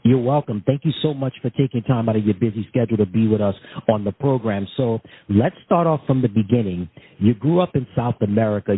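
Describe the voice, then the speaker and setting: A man's voice: lowish voice, slightly rough, dry recording. A man hosting a radio-style interview, wordy and rephrasing his questions several times. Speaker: host. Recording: tinny phone-like audio.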